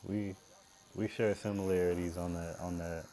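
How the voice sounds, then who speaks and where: A man with a very deep voice hosts a casual interview in an easygoing way. Faint noise sits under his voice. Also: little pitch movement, moderate pace, mellow, low-quality recording. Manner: laid-back, short affirmations. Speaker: podcast host, tattoo artist.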